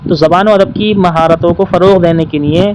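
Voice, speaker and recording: A man's voice: sits high, fairly even intonation, noisy background. A man teaching an exam-prep lesson, working through questions and patiently repeating the key points.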